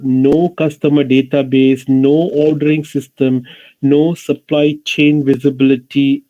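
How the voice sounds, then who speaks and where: A man's voice: medium pitch, narrow, tinny audio. A man with a Malaysian accent teaching an English class in Malaysian English slang mixed with Malay, explaining didactically and often addressing his students.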